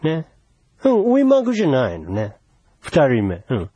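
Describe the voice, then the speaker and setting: A man's voice: mid-range voice, huge pitch swings, moderate pace, warm tone, breathy edge, no echo, dull audio. A man playing a pushy, teasing older foreign envoy in a solo comedy sketch, wheedling in broken Japanese with English phrases. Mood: chatty teasing.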